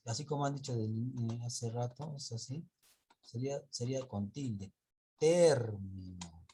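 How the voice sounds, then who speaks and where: A man's voice: mid-range voice, dark tone, husky. A man teaching a grammar lesson, explaining step by step and putting questions to his students.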